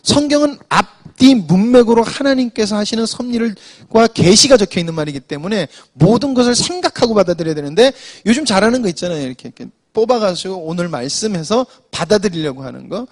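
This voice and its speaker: In an afternoon church sermon, a man explains scripture to the congregation in a high-pitched voice with lively intonation. He talks a little fast with hardly any pauses, often restarting with "so" to move along and addressing his listeners with a frequent "자."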